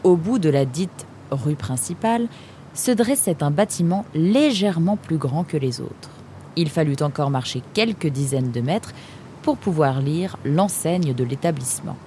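Une femme narre un conte pour livre audio. Sa voix est basse et chaude, son récit vif et pince-sans-rire. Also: female voice, expressive, measured pace, warm tone, a little hiss or hum. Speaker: narrator. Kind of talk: scripted audiobook narration.

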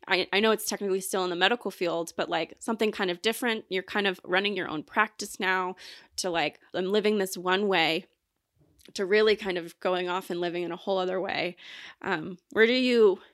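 A woman's voice: mid-range voice, a little fast, fairly bright tone, dry recording. A woman hosts a podcast and asks loose, friendly questions, often padded with "like." Her voice sits in a middle register. The recording is close and dry. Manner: filler-heavy, friendly questions. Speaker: podcast host. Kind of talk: casual interview talk.

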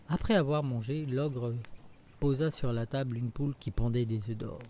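A man reads a fairy tale aloud in a steady storytelling voice. His tone is mellow and warm, with a faint hiss of noise under the recording. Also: mid-range voice. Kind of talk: scripted storybook narration.

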